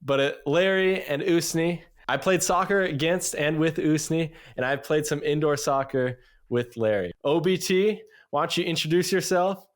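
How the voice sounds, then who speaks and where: A man's voice: on the high side, normal speed, hardly any pauses. A young man hosting a podcast, introducing guests and segments in an upbeat, slightly rambling way. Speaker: podcast host.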